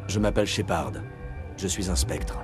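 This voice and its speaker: An actor playing a composed, authoritative military commander in a video game, terse and matter-of-fact. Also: male voice, deep voice, normal speed, music in the background, lightly acted. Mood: terse, firm. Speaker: commander, special agent.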